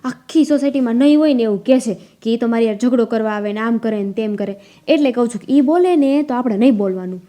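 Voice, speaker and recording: A young woman acting a calm relative who gently reasons with her grandmother to avoid a quarrel, in a family drama. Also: fairly high pitch, fast, natural voice. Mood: reasoning. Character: calm daughter-in-law pleading with her grandmother.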